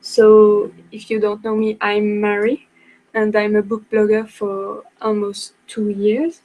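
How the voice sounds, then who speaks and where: A young woman from France, a non-native speaker with a French accent, presents a live online workshop, apologizing often and hesitantly restarting sentences. Her mid-range, dark voice is completely flat and slow, and the recording is rough.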